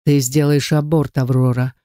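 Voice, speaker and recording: A woman's voice: extremely low pitch, level tone, moderate pace, dark tone, dry recording, studio quality. A woman reading the lines of a stern, cold father who gives hard, final orders.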